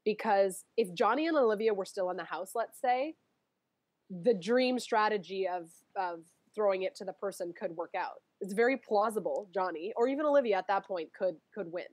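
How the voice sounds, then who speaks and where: A chatty woman talking as a guest, animated and full of laughs, jumping between thoughts and circling back. Her voice sits in a middling pitch. The recording is dry, with no room sound. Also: moderate pace, dry recording. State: allergies, sniffly. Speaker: guest, former reality show contestant. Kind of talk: casual chat.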